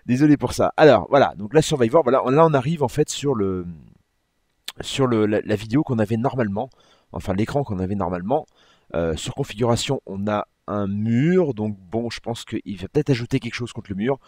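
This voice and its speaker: A man's voice: on the low side, a little fast, a little mellow, dry recording, clean studio sound. A man hosting his gaming channel, talking casually through a game update and often correcting himself as he clicks through menus. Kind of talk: casual gameplay walkthrough commentary.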